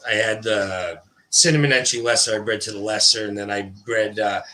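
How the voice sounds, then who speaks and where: A man with a fairly low, sharp-toned voice speaks as a guest on a livestream, where he breeds ball pythons. He chats casually, drifts, and interrupts himself to start again. He cannot manage the R sound and says W instead.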